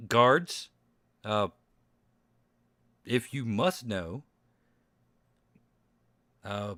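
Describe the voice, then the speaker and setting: Animated, unhurried male tabletop player. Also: on the low side, no room sound. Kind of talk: casual in-game talk.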